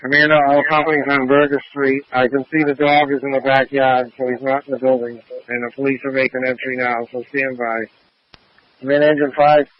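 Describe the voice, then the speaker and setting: A man's voice: medium pitch, little pitch movement, brisk. Urgent male fire commander on muffled radio. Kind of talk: firefighter radio traffic. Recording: muffled two-way radio transmission.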